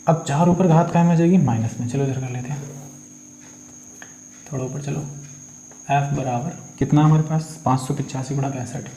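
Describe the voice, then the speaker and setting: A man's voice: medium pitch, steady tone, moderate pace, pauses often, mellow. Male teacher coaxing students through sums. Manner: coaxing, asks and answers his own questions, calls students beta. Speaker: physics teacher. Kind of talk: working numericals step by step. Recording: echoey room, faint insect noise.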